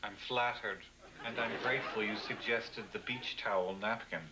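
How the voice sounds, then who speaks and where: A man's voice: fairly low pitch, steady tone, moderate pace, a crowd in the background, noisy background, close to an everyday voice. An actor playing a formal, loyal male household servant in a 1980s sitcom, precise and dryly ironic.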